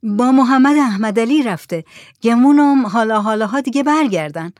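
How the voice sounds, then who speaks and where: Woman reader voicing an older village headman, brisk and persuasive, storybook tale. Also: on the high side, expressive, darkish tone, no room sound, clean studio sound, lightly acted. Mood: coaxing.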